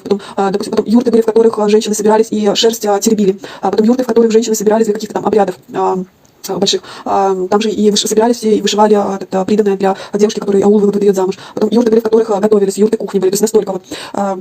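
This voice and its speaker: A woman giving an informal online lecture in a quiet voice with a slushy lisp, thinking aloud and correcting herself as she explains. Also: mid-range voice. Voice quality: slushy lisp from a broken tooth; quiet, husky voice.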